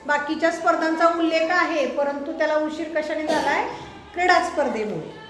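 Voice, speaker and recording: A woman's voice: sits high, brisk, a bit bright. A woman schoolteacher giving a classroom lesson, asking her pupils check questions again and again. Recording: roomy echoey classroom.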